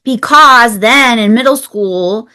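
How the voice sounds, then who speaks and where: A woman's voice: on the high side, slow pace, sharp tone. Woman hosting a casual interview. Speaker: podcast host.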